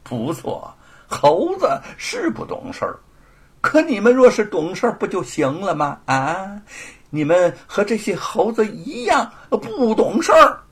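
A gloating male villain of an old-style spoken tale, acted by a man. He blusters and cackles, his raspy voice jumping high and wildly up and down. Every threat comes out with sneering relish. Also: wildly swooping pitch, unhurried, fairly bright tone, full character voice. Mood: mocking. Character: gloating cruel middle-aged male local tyrant.

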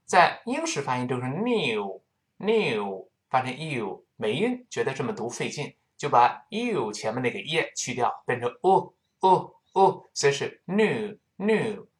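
A male English teacher in a recorded lesson, breaking words down slowly and repeating each sound many times. His voice is animated, rising and falling widely as he explains. His pitch sits in an everyday middle range for a man.

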